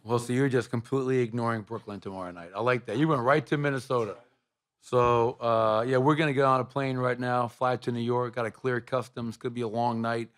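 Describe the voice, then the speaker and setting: Reporters question a middle-aged basketball head coach at a postgame press conference, held in a press room before a sponsor backdrop, where he answers into a table microphone. He keeps a medium pitch and a steady tone, measured but full of fillers.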